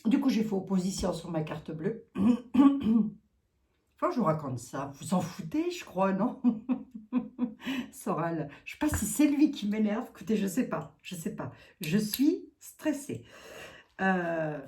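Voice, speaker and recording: A woman's voice: mid-range voice, sing-song, unhurried, long pauses, mellow. A woman psychic chatting casually and in a flustered way to her viewers, laughing often between sentences. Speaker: psychic reader. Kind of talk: casual chat to camera. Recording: echoey room.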